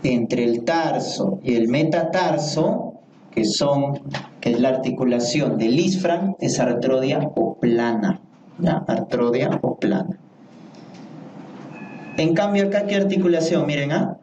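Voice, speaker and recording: A man's voice: mid-range voice, dark tone, a little hiss or hum. A man teaching an anatomy class, repeating each term and asking the students questions. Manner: slow, repeats key terms, asks the class questions. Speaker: anatomy lecturer. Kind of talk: medical anatomy lecture. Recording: echoey room, voice from far off.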